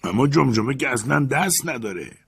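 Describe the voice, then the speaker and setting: Old servant, a man doing a high strained voice. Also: expressive, vocal fry, fairly bright tone, slightly rough, full character voice. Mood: nervous, pleading. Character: old male servant, timid and stubborn.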